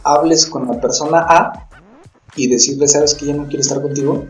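A man's voice: on the high side, steady tone, moderate pace. A young man with a Mexican accent chatting casually as a podcast co-host, full of slang and swearing. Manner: slangy, profane, acts out imagined dialogue. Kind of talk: casual banter. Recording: roomy, distant mic, music behind.

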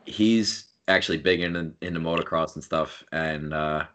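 A man's voice: a bass voice, steady tone, normal speed, a bit bright. A man hosting a casual podcast, teasing his friends and telling stories in a joking way. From Long Island. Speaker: podcast host. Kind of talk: casual chat.

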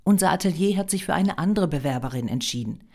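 A woman reading a German story voices a curt, guarded young male photographer in a lowered voice. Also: lively intonation, quick pace, darkish tone.

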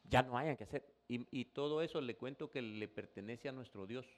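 A man's voice: medium pitch, a little fast. A male pastor preaching a sermon in a conversational way, often addressing the listener as brother and rising into emphatic bursts.

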